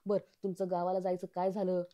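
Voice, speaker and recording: A gruff, short-tempered older family head, read out by a woman. He talks brusquely in a flat, dark delivery, and the sound is a little dull. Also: fairly low pitch, fast talker, natural voice. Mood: scolding. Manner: brusque, scolding.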